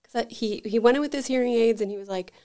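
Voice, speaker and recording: In a slightly high voice and at a fast clip, the owner of an energy healing center chats as a podcast guest. She tells animated anecdotes in casual storytelling, with "like" sprinkled throughout.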